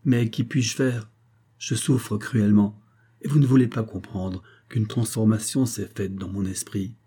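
A man's voice: fairly low pitch, moderate pace, mellow, breathy edge. A man reading an audiobook, voicing a sorrowful, dignified young wife who speaks in a subdued, weary way.

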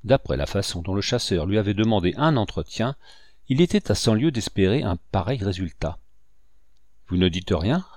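Low-voiced man narrating an audiobook. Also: animated, fairly quick, darkish tone, dry recording, studio quality. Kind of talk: scripted narration.

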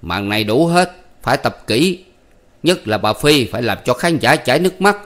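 A man's voice: medium pitch, expressive, moderate pace, a bit bright, pitched above the performer's own voice. A man voicing an old male theatre troupe manager who is jovial and commanding, with a theatrical, declaiming way of talking. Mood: explaining. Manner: theatrical, bellowing stage declamation.

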